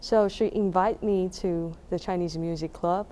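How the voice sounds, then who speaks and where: A young Taiwanese woman, a musician with a Taiwanese accent, answers interview questions casually and searches for words as she goes. Her lowish voice is mellow and steady in tone at a normal speed, with slight background noise.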